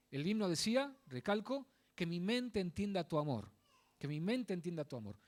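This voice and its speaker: A man preaching a sermon in a church, explaining a Bible passage, stressing key words and making asides to the congregation. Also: high-pitched.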